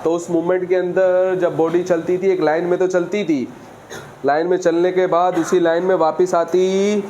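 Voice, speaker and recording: Question-and-answer physics teacher. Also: male voice, sits high, a little mellow, a little hiss or hum. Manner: asks students questions and answers them himself. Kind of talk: classroom lecture.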